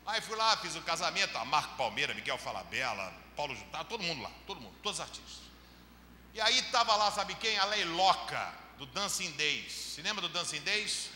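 A man preaching a sermon as pastor, telling lively stories and acting out the dialogue, with a Rio de Janeiro Brazilian accent. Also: fairly high pitch, brisk, slight background noise. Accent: Brazilian Portuguese, Rio de Janeiro. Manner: lively storytelling, acts out dialogue, swings from loud to quiet. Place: church hall. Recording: echoey church hall, long reverb, faint ambience.

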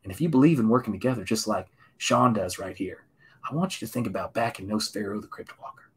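A man from Tennessee giving a gentle, encouraging painting lesson on a live stream, often dropping to a hushed whisper. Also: on the low side, fast talker, slightly rough. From Tennessee, USA. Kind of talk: soothing painting-show patter, live stream.

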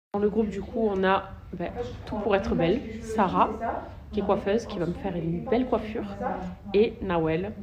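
On a handheld phone, a young adult woman vlogs her trip for her followers, chatting casually in an expressive, slangy way. Her voice is rough and croaky, like she just woke up. The recording is noisy, with an ambient rumble underneath.

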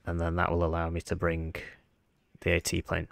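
A man with a croaky, froggy voice, sounding unwell, giving casual game commentary as he thinks aloud. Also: deep voice, completely flat delivery, moderate pace, dry recording. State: under the weather, sick voice. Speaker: gaming video host.

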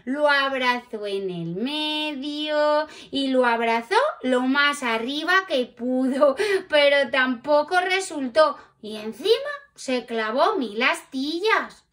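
A woman with a Peninsular Spanish accent reading a picture book aloud to children, animated and talking straight to her young listeners. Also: sits high, takes it slowly. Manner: animated, talks directly to the children. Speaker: children's storyteller.

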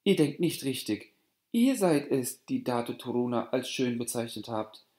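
A man voicing a shy, modest young girl in a fairy-tale audiobook, speaking softly and bashfully. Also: medium pitch, expressive, moderate pace, pitched above the performer's own voice, close to an everyday voice. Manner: soft, bashful. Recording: roomy echo.

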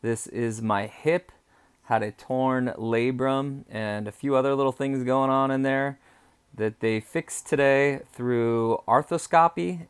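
A man's voice: fairly low pitch, clear, resonant tone, no echo. A man talking casually to viewers in a home vlog, explaining things step by step in a conversational way. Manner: conversational, explanatory walk-through. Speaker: vlogger. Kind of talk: casual first-person vlog talk. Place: small room, bedroom, indoors.

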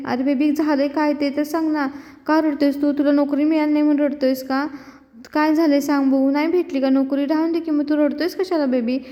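A woman voicing a fretful, sharp-tongued young wife in a TV serial, fussing and snapping at others. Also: high-pitched, little pitch movement, a little fast, big-room sound, close to an everyday voice.

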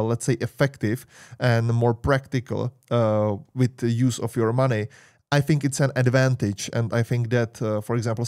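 A mellow, mid-range male voice, recorded dry with studio quality. He's a tech YouTuber in his thirties, a native Czech speaker with a Czech accent, doing a screen-share tech review with a webcam inset and a boom-mounted studio mic. He hesitantly reads points aloud, full of "uh" and "you know," then tosses in casual comments.

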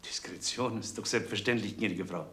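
An actor playing a shrewd middle-aged detective, speaking in a folksy, dry way. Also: male voice, lowish voice, fairly quick, a bit bright, slight background noise, close to an everyday voice. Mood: polite pretense. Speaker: police detective.

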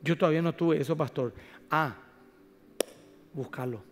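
A male pastor preaches with fervor, rising to loud emphatic peaks and dropping to hushed asides. His voice sits high for a man. The sound carries a long reverb, like a broadcast from a large church hall. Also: normal speed, a little hiss or hum. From Paraguay. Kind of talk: sermon.

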